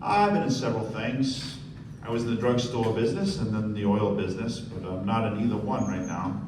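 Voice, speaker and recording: A man with a lowish voice performs live radio play acting, briskly and lightly acted, as a nervous, eager, genteel rich man whose politeness is clipped. The mood is eager and boastful, and the stage recording sounds distant, noisy and very echoey.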